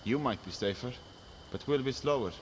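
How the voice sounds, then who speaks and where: An actor playing a guarded, practical male travelling protector in a fantasy game, measured and serious. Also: mid-range voice, a little hiss or hum, close to an everyday voice.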